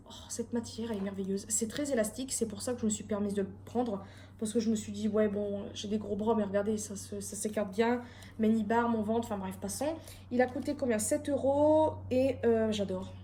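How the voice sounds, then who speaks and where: A woman's voice: medium pitch, a little fast, mellow, slight background noise. A young woman chatting casually at home in a rambling, self-deprecating way, showing her haul to camera. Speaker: vlogger.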